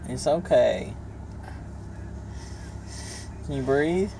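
A woman with a very deep, mellow voice chats casually and patiently, reassuring like a caretaker. She is recorded inside a car with faint noise. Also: lively intonation, measured pace, creaky, low-quality recording. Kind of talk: casual chat. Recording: car cabin with some noise.

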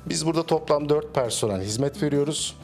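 Measured middle-aged man, cafe owner. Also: fairly high pitch, a little mellow, soft background music. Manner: measured, with frequent hesitation fillers. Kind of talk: business interview. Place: small cafe indoors. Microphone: handheld interviewer mic.

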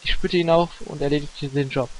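A man's voice: a little high, steady tone, fairly quick, a little mellow, close to an everyday voice, poor audio. A man voicing a weary middle-aged male hitman in his own plain voice, reading game dialogue with restarts. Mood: weary, earnest.

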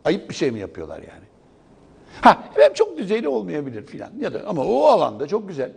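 A man's voice: high voice, wildly swooping pitch, fast, creaky, darkish tone, husky. A man giving sarcastic morning news commentary in a TV studio. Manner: sarcastic, mocking.

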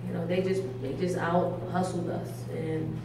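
A middle-aged woman, a head coach, answering reporters at a post-game press conference in a measured way, with frequent ums and restarts. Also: on the low side, level tone, creaky. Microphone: table mic from a distance. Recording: echoey room, distant mic, hiss.

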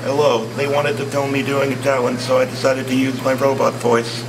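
A man putting on a monotone robot voice for a student video talent segment, with a droning delivery. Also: medium pitch, brisk, lightly acted. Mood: deadpan. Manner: droning, creaky. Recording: distant mic, loud crowd and music.

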